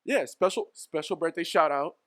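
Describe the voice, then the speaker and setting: A man's voice: a little high, normal speed, no room sound. Joking slangy man in his thirties. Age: 30s. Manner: joking, slangy, laughs often. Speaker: podcast co-host. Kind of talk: casual chat.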